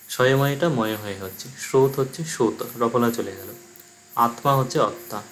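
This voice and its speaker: Male teacher, Bengali accent, average pitch, methodical lesson delivery, light background noise. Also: poor audio. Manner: steady explanatory, lists word pairs one by one. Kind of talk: recorded language lesson.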